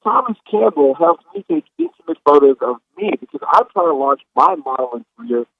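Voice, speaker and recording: A man's voice: on the high side, a little fast, gravelly, no room sound, full character voice. A man calling in and playing a brash, defensive male monkey, heard over a distorted, fuzzy phone line with the phone held too close. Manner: defensive, rambling, excitable. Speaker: caller.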